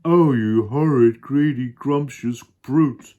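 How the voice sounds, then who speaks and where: A man's voice: medium pitch, slow, dark tone, lo-fi sound, voice pushed up, close to an everyday voice. A man voicing an indignant, disapproving hippopotamus in a children's storybook, exclaiming and scolding. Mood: horrified, scolding.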